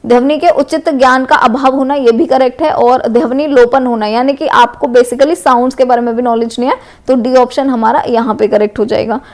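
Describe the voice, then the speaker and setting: Casting woman teacher, western UP Hindi accent, high voice, patient MCQ revision, tags lines with "है ना". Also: steady tone, fairly quick, few pauses. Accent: western Uttar Pradesh Hindi. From Uttar Pradesh, India. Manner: explanatory, repeats "है ना" and "correct है". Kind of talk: exam MCQ revision lesson.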